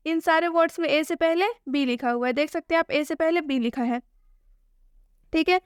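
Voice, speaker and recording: High-voiced woman teaching in a dry recording. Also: normal speed, no room sound. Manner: repeats key points as questions and answers them. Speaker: English pronunciation teacher. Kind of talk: screen-based video lesson.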